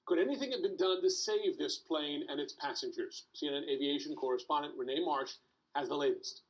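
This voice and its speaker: A man's voice: fairly high pitch, a little fast. A man anchoring the news with a scripted introduction to a report. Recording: slightly dull broadcast sound.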